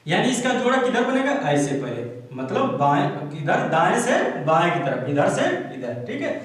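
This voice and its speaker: A man teaches a math class, walking his students through each step and pausing often to make sure they are following. His voice sits high, and it is caught from a distance in a very echoey room. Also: very animated. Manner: explains step by step, keeps checking with "theek hai". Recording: echoey room, speaker far from mic.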